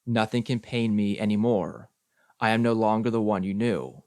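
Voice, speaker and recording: A man's voice: lowish voice, normal speed, a little mellow, dry recording, clean studio sound, natural voice. A man reading the lines of Eve, a defiant, rebellious woman, bluntly and crudely in an audiobook.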